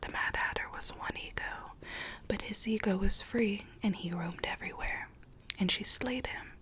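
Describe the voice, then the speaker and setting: A woman playing a sweet rogue Alice from a storybook in a whispered ASMR roleplay, telling her tale in a soft, coaxing, theatrical way. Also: medium pitch, normal speed, lightly acted. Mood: confiding, earnest.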